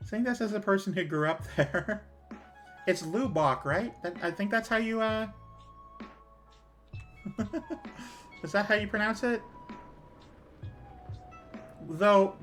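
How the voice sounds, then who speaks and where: A woman's voice: mid-range voice, normal speed, long pauses, a bit bright, faint music behind. A woman with a Canadian accent, chatting casually with her viewers while gaming, rambling with fillers and small laughs. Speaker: streamer.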